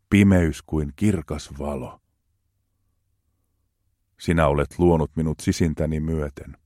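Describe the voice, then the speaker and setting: A man reading psalms aloud in a slow, measured, solemn way. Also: rumbling low, warm tone, no room sound, studio quality. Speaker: scripture reader.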